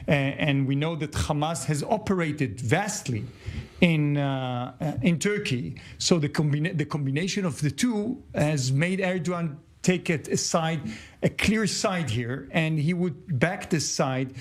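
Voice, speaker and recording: A man speaking as a guest on a news panel, slow and halting with many fillers. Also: on the high side, animated. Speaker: guest analyst.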